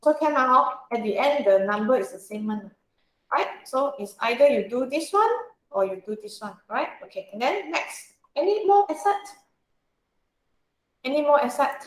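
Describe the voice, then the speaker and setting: A woman leads a casual accounting tutorial in a high, animated voice at a moderate pace. Her accent is Singaporean or Malaysian English, she often checks with questions and uses colloquial particles, and the room sounds echoey and spacious.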